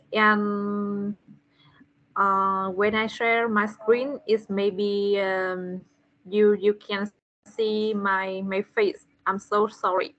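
A woman with a Vietnamese accent teaching English to a child in an online class, slowly repeating words for the child to copy. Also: medium pitch, fairly bright tone. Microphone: video call. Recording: dull lo-fi call audio.

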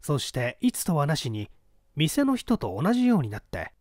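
A man with a fairly high voice reads classic mystery fiction as an audiobook narrator, his intonation swinging hugely while his phrasing stays measured and deliberate. The recording is dry and close, with no echo, like a literary audiobook.

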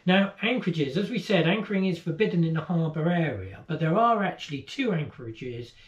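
Seated in his boat cabin, a middle-aged man who co-hosts a sailing channel chats casually about a port like a travel guide, explaining things and trailing off at the ends of lines. His voice is on the high side, animated and brisk, and the lo-fi sound is dull and echoey.

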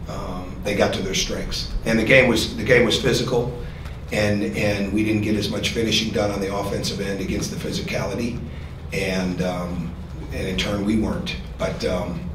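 A middle-aged man, a basketball coach, answering questions at a postgame press conference in an earnest manner, often repeating words while he thinks. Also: fairly low pitch. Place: press room with sponsor backdrop. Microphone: podium mic. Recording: echoey room, distant mic, noisy.

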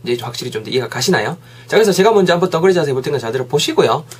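A man teaching English phrases in a lively way, saying each sentence slowly for learners to repeat. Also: a little high, husky. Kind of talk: English lesson.

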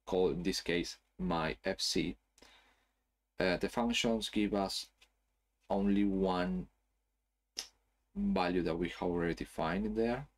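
A man in his thirties giving a screen-recorded software tutorial from a small room, explaining loosely with fillers and hummed pauses. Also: low-pitched. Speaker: software trainer.

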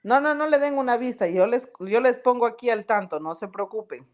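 A podcast live-stream host with a fairly high, expressive voice talks fairly quickly through dull-sounding audio. Reading comments in a casual chat, she laughs often and calls out viewers by name.

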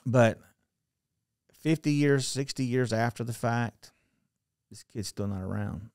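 A middle-aged podcast guest tells a story in conversation from a book-lined study, speaking into a studio mic on a boom arm. He's animated and gestures a lot, restarting often and trailing off quietly at the ends of phrases. His pace is slow, and the sound is clean studio audio with no echo.

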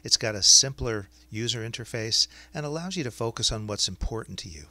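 A man narrating a scripted explainer as a software demonstrator. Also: mid-range voice, expressive, fairly quick.

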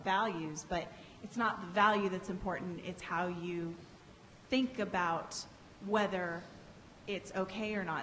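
A middle-aged woman speaking as a panelist at a conference, measured and explanatory, often restarting her phrases, into a table microphone. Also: medium pitch, a bit bright. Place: large conference hall stage. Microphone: microphone on a table stand. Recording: reverberant hall, faint background hiss.

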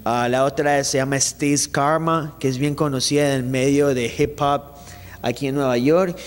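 In a casual interview chat, a young Ecuadorian singer talks animatedly into the interviewer's handheld mic on a small indoor studio set, though it sounds like a large hall. He speaks at a moderate pace in a mid-range voice, gesturing with his hands and restarting sentences a lot.

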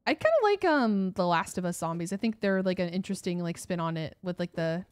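A woman's voice: lowish voice, expressive, fast talker, clean tone, dry recording, studio quality. A woman streaming a game as host, chatting casually with a giggly, rambling manner full of fillers. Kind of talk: casual gaming chat.

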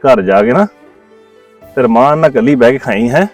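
A man's voice: very high-pitched, lively intonation, quick pace, soft background music. A man playing a stern, doting old grandfather. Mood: tender coaxing. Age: older. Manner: scolds sharply, then coaxes the child tenderly. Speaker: grandfather and father of the family. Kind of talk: family web drama acting.

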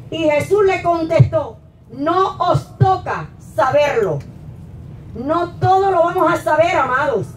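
A middle-aged woman pastor preaching a sermon at a pulpit into a handheld mic, rising to emphatic peaks and then dropping low. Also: a little hiss or hum. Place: small church hall, at a wooden pulpit. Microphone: handheld mic, filmed from a distant camera. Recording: echoey church hall from far off.

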